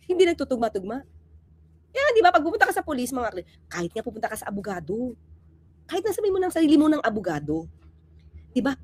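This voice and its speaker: A woman's voice: sits high, no room sound. A woman giving impassioned, sarcastic commentary, asking rhetorical questions and acting out little scenes.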